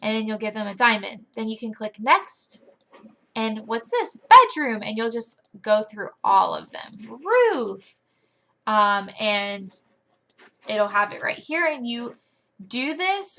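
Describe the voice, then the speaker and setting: A young woman explaining online English teaching in a chatty tutorial, often using a high, playful teacher voice. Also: a little slow, bright, forceful tone. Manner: chatty, demonstrates teacher lines in a high, exaggerated sing-song. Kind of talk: casual screen-recorded tutorial.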